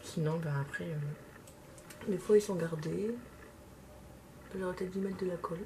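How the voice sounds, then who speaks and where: A woman's voice: fairly low pitch, measured pace, warm tone, slight background noise. A young woman with a slight lisp, chatting casually and hesitantly while doing her makeup for a vlog. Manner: hesitant, many fillers. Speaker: makeup vlogger.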